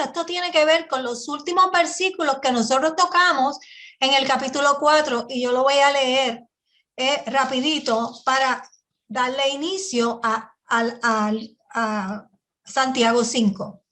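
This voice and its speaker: A woman's voice: sits high, pushed and bright. A woman teaching a Bible study sermon, often asking her listeners "right?" as she explains. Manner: teaching with frequent rhetorical "¿verdad?" and restarts.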